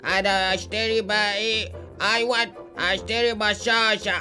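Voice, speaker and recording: A man's voice: sits high, little pitch movement, moderate pace, bright, forceful tone, soft background music. A man with an Egyptian Arabic accent playing along in a gameplay comedy skit, bickering in a whiny way. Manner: whiny, bickering sidekick banter. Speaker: co-player in the skit.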